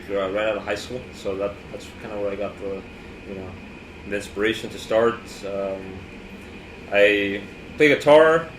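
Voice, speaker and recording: A young man from Ecuador, a musician, answering interview questions in a hesitant way with lots of "you know". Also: lowish voice. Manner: soft-spoken, hesitant, many "you know" fillers. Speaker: musician guest. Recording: echoey room, background hum.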